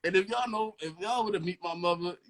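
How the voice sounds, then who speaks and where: A young man, a rapper and producer, telling a casual story with animated energy and acting out the voices of the people in it. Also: high voice, fast talker.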